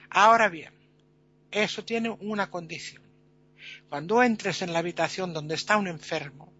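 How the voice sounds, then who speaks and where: Guy doing death the godmother, stern and solemn, highish bright voice. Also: dull audio. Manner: solemn, measured warnings, later scolding.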